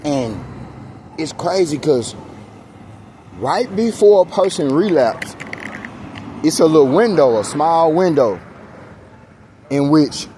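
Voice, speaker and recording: On the high side and mellow, his voice has lively intonation, a slow pace, and frequent pauses. He's an American vlogger walking along a street, exasperated and venting, preaching in casual, emphatic, repetitive talk. Street noise is audible in this handheld outdoor recording.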